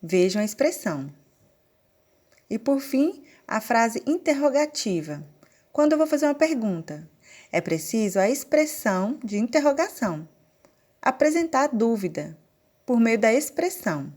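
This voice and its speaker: A woman with a Brazilian Portuguese accent teaching a recorded online lesson, explaining slowly and step by step. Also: on the high side, very animated, darkish tone. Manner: slow, deliberate, explaining step by step. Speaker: sign language teacher.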